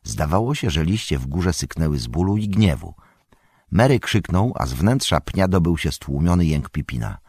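A man reading a fantasy story aloud in an expressive, dramatic narration. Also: deep voice, normal speed, breathy edge, no room sound. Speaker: audiobook narrator.

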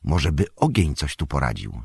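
A man's voice: rumbling low, sing-song, normal speed, creaky, darkish tone, breathy edge, no room sound, clean studio sound, pitched below the performer's own voice, full character voice. A man voicing a sturdy young male hobbit, suspicious and stubborn, in a storybook reading. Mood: determined. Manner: suspicious and fiercely loyal.

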